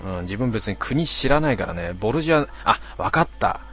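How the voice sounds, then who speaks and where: A man hosting a casual late-night stream, reading out listener comments with grumbling asides and frequent throat clearing. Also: on the low side, expressive, fairly quick, a bit bright, faint music behind. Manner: grumbling, talks to himself, mock-annoyed asides.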